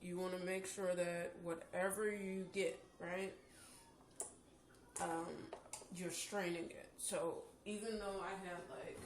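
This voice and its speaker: A woman's voice: on the low side, flat delivery, takes it slowly. A tired woman recovering from surgery, casually giving practical advice to viewers in a vlog. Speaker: vlogger sharing her jaw surgery recovery. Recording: echoey room with clear background noise.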